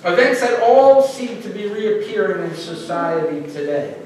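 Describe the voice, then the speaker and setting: Middle-aged male minister, light high voice, preaching earnestly with pauses; echoey hall, mic at a distance. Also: lively intonation, darkish tone, slight background noise. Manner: earnest, conversational preaching with pauses and slow emphasis. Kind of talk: sermon. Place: church sanctuary.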